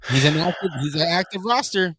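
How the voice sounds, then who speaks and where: A man with a slightly high voice co-hosts a casual podcast, animated and teasing, with frequent laughs. His mic sounds dry and close, with little room sound. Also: brisk, breathy edge, no room sound. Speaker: podcast co-host. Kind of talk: casual chat.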